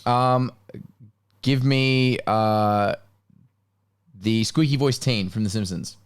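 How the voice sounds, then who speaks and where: A man co-hosting a casual podcast, playful and quick to laugh. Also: medium pitch, smooth. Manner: playful, laughs often, tries out impressions. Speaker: podcast co-host.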